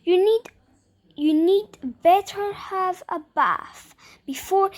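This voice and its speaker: A woman voicing a bossy older housekeeper in a storybook, brisk and scolding as she orders a bath. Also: very high voice, voice pushed up.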